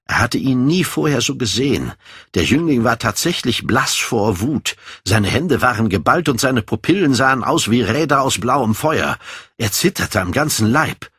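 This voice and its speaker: A man narrating a classic novel as an audiobook, measured and even. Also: medium pitch, husky, dry recording, clean studio sound.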